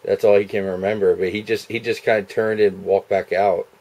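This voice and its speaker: A young man making a prank call in a casual, halting, earnest-sounding way, recorded on a webcam in a room at home. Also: fairly low pitch, little pitch movement, darkish tone. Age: young adult. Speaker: prank caller. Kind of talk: casual phone conversation. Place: small room indoors at home. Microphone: webcam at arm's length.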